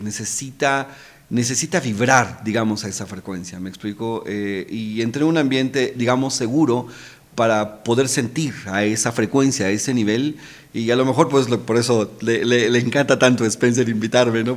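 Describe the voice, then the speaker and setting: A middle-aged man, talking as a podcast guest in a heartfelt, emotional way, often repeating words and adding little tag questions. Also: medium pitch. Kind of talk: casual heartfelt conversation. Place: podcast studio.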